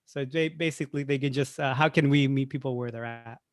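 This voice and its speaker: A man's voice: medium pitch, fairly even intonation, fairly quick, dry recording, studio quality. A man who works as a facilitator, speaking earnestly with rhetorical "right?" asides over a video call. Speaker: SEL facilitator. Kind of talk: discussion remarks.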